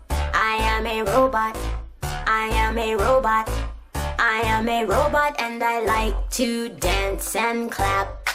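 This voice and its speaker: A woman singing a children's action song as a cheerful dancing robot, in a slow, even, repetitive chant over music. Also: on the high side. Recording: song with loud electronic music.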